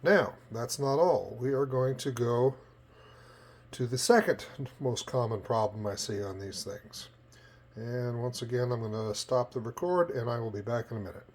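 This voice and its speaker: Music plays from a tape machine as a technician, recorded on a cell phone, walks through a casual hands-on repair at his indoor workbench. He speaks plainly in a mid-range voice at a moderate pace.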